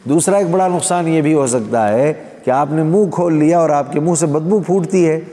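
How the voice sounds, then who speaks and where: An Islamic preacher with a slightly high, mellow voice delivers a sermon to a live crowd in a gathering hall, posing rhetorical questions and addressing the audience directly. The recording carries a long hall reverb.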